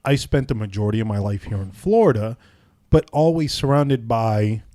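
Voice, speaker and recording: A man's voice: fairly low pitch, expressive, dark tone, no room sound, studio quality. A man from Puerto Rico hosting a podcast, chatting casually with lots of restarts and fillers. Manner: halting, many restarts and fillers. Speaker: podcast host.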